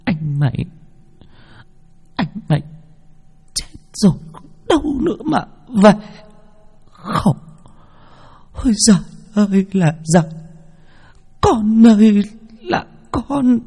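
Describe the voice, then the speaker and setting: Man doing a tearful village mum, shaky and high, breathy. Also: very animated, slow pace, pauses often, a little mellow, exaggerated voice. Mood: grieving. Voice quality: quavering, tearful. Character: grieving village mother, soft then wailing.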